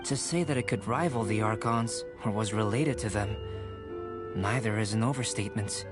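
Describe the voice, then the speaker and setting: A man playing a calm, formal young alchemist. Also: on the low side, close to an everyday voice. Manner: measured, formal, softly explaining. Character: calm young male alchemist scholar, composed. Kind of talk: video game dialogue. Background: game music.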